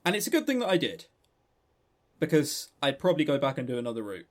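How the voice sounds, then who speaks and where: Fast and fairly high-voiced, a male podcast co-host jokes around casually. He rambles with excitement and keeps tripping over repeated words.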